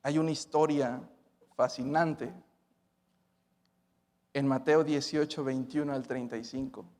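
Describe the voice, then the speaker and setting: A man's voice: medium pitch, fairly even intonation, measured pace. Man preaching in a church hall. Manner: preaching with dramatic swings between loud and hushed. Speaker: pastor. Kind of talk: sermon.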